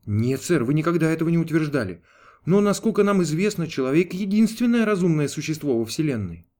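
A man's voice: fairly high pitch, big pitch swings, fairly quick, a little mellow. A man reading an audiobook, voicing a dutiful male archangel who answers politely and with restraint. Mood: deferential. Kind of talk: audiobook character voice.

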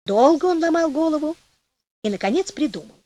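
Female storyteller for an audiobook, bright high register, animated, plays the characters. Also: a little fast, dry recording. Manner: lively storytelling, acting out the characters' voices. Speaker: audiobook narrator. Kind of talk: expressive audiobook reading of a folk tale.

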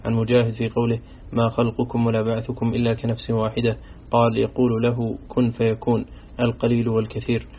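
Man reading in a flat monotone. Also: mid-range voice, fast, husky. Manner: flat, even recitation of quoted sayings. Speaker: reader of a classical Quran commentary. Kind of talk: monotone scholarly reading aloud. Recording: tinny phone-like audio with faint hiss.

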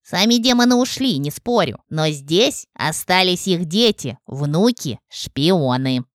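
A woman voicing a female witch ghost who talks in a calm, scornful and biting way. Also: on the low side, slow, no room sound, clean studio sound. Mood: cool. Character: mocking female witch ghost, cool and sharp.

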